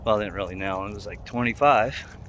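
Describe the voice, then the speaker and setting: A man's voice: on the low side, fast, fairly bright tone. Man chatting outdoors on a walk. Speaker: dog trainer vlogger. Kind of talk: casual talk to camera while walking. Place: outdoors, walking in a neighborhood. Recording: outdoor ambient street noise.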